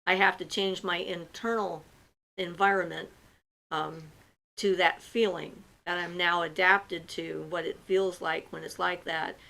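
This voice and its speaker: Speaking at a measured pace in a steady, sharp, low-leaning voice with vocal fry, a woman hosts a casual livestream. She reads viewer questions aloud and gives long, loose, filler-heavy answers, and the recording is rough.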